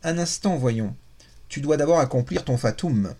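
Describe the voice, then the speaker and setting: A man's voice: fairly high pitch, animated, moderate pace, mellow, breathy edge. A man voicing a cheeky, clever five-year-old boy in a storybook fable, speaking eagerly.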